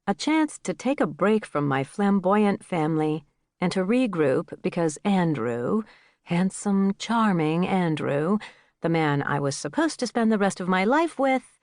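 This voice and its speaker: Woman reading a cozy audiobook, lowish voice that swings all over, dry close sound. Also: a little mellow, no echo. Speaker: audiobook narrator. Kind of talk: first-person audiobook narration.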